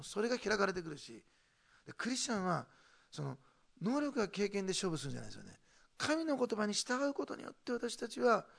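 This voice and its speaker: A man's voice: a little high, gravelly, breathy edge. A man preaching a sermon as pastor, telling a story with emphatic stress and laughing between points.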